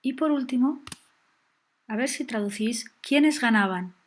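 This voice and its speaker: Woman teaching grammar, slightly high. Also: a little slow. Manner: clear, patient explaining with frequent check-ins. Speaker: English teacher. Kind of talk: grammar lesson.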